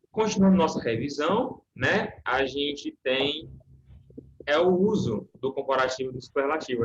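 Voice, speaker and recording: Male teacher on a video call, patient explainer, checks in often; muffled audio with a faint hiss. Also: mid-range voice. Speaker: English teacher. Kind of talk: online class explanation.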